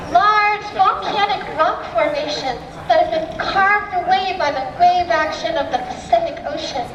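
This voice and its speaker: A woman diver in an aquarium tank giving a clear, friendly educational talk through her full face dive mask microphone, her voice played over loudspeakers. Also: very high-pitched. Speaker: aquarium diver presenting to visitors. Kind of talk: educational presentation. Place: underwater in an aquarium tank, heard in a public hall. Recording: echoey loudspeaker heard from far off in a public hall. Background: noisy ambience.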